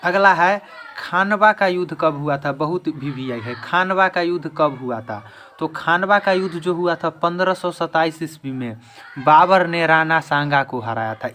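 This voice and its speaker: A man with a slightly high-pitched voice runs a quiz-style history lesson for students preparing for exams, speaking at a moderate pace with a sharp tone. He drills the material by repeating each question and its answer. Some background noise can be heard on the recording.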